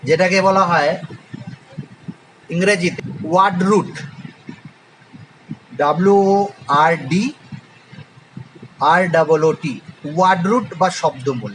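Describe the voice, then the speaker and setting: Bengali-accented guy teaching chem, pretty high voice, spells stuff out letter by letter, bit of faint noise. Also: slow, long pauses, fairly bright tone, low-quality recording. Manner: spells out terms letter by letter, asks and answers own questions. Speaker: chemistry teacher. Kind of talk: classroom lecture.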